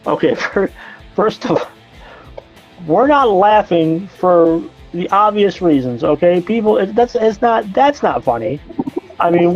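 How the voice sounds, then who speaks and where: A man's voice: high voice, a little mellow, highs cut off. A man hosting a casual podcast, reading out comments and mocking them with sarcastic, profane jabs. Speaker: podcast host.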